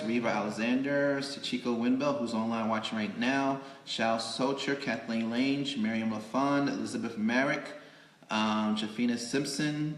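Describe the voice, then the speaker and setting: With a mid-range voice, this magazine editor hosts a casual, improvised live interview stream from inside a cake studio. He chats in a rambling, halting way to fill time, and the indoor recording is roomy and echoing.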